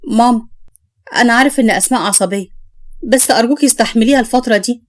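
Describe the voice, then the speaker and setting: A woman's voice: fairly high pitch, very fast, natural voice. A woman voicing a pleading young Egyptian husband. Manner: pleading, gentle. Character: dutiful young husband torn between mother and wife.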